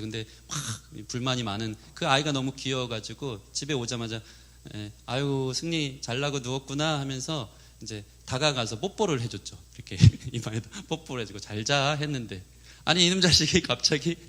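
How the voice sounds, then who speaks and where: A man's voice: mid-range voice, fairly bright tone. A male pastor in his thirties preaching a sermon, telling a family story with acted quotes.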